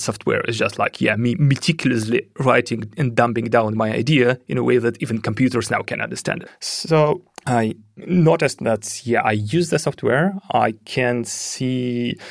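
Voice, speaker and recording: Gravelly-voiced man from Russia. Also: mid-range voice, dry recording, studio quality. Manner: thoughtful, hesitant with many fillers. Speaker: guest, head of security. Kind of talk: podcast interview.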